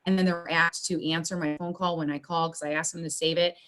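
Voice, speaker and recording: A woman's voice: lowish voice, flat delivery, a little fast, a bit bright. A woman working as a school social worker, talking in a rambling way with many restarts during a video meeting. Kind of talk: casual video meeting chat. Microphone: video call.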